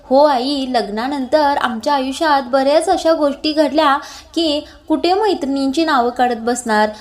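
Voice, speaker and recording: A woman's voice: sits high, normal speed, close to an everyday voice. A woman voicing an earnest young woman who trusts her sister and speaks reassuringly, in a retold serial scene.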